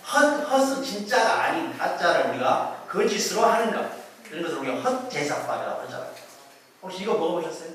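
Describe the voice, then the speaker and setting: A man giving a chatty public lecture, joking and quizzing his audience. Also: sits high. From Korea. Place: lecture hall. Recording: very echoey hall, voice from far off.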